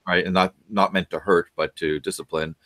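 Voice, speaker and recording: The speaker is a middle-aged guest expert giving parenting advice on a video call from his home office. His deep voice holds a steady, fairly bright tone and moves fairly quickly. He lectures, asks plenty of questions and uses many fillers.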